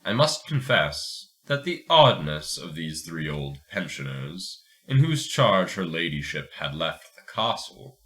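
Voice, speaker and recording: Reading a story aloud on his fiction podcast, this man narrates dramatically and comments casually between passages. His deep voice is sing-song and a bit bright, delivered at a measured pace with few pauses.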